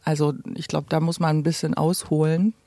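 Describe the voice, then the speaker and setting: A woman in her late forties from Gera, in eastern Germany, appears as a podcast guest, telling stories about her own life in a conversational way. Her low, warm voice is brisk with a flat delivery, recorded in studio quality with no room sound.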